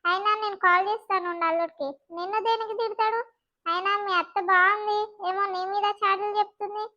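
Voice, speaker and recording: A woman's voice: very high voice, fairly even intonation, fast talker, pushed and bright, lo-fi sound. A woman voicing a worried middle-aged village mother with a Telangana accent, fussing over her married daughter. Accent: Telangana Telugu. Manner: fretful, fussing.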